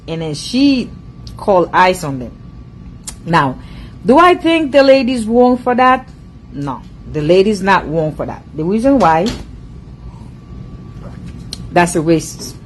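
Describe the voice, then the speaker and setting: A social media commentator who immigrated to the US speaks accented English in a lowish voice, lecturing her audience in a casual yet emphatic monologue that keeps returning to the same points. Her pitch swings widely, her pace is measured and she pauses often. The audio is poor, with a faint hum underneath.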